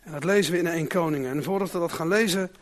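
A man preaching a sermon in a church, praying and reading Scripture with lively, raised emphasis on dramatic lines. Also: on the high side, very fast. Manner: animated, raises voice when reading dramatic quotes. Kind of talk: sermon with prayer and Bible reading.

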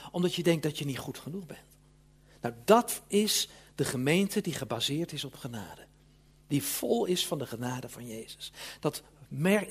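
A man delivers a sermon with earnest emphasis and frequent small checks on his listeners. His voice sits fairly high and has a husky grain. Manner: earnest, emphatic preaching with tag questions. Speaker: preacher.

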